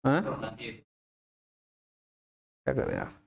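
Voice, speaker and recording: A man's voice: slow, darkish tone, muffled recording. A man teaching physics in a casual classroom lecture, repeating questions to his students.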